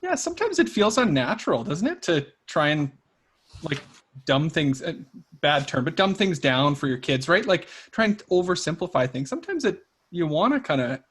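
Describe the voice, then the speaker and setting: A man's voice: fairly high pitch, big pitch swings, normal speed, fairly bright tone, slightly rough. Chatty man hosting a podcast. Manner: affirming, chatty, says yeah a lot. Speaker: podcast host. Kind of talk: casual interview chat.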